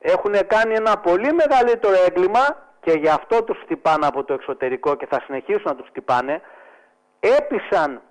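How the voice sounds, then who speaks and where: Male radio guest, high voice, heated and emphatic commentary with mocking asides. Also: animated, poor audio. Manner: indignant, emphatic, breaks into mock voices of ads. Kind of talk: radio talk show discussion.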